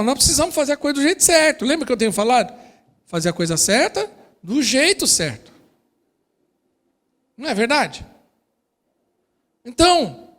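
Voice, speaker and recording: A male pastor with a Brazilian accent preaches at an unusually high pitch for a man. He speaks to his congregation directly and with energy. His voice rings out in a church hall with a long, lingering reverb. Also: a bit bright. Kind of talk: sermon.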